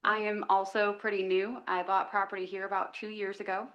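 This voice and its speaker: A woman's voice: medium pitch, flat delivery, a little fast, a bit bright, muffled recording. A woman, a registered nurse, giving an earnest and urgent public comment at a county meeting. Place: county commission meeting room.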